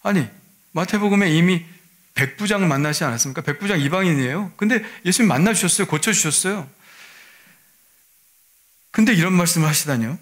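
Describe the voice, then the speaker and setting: A male pastor giving a sermon in a conversational way, often asking his listeners rhetorical questions. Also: fairly high pitch.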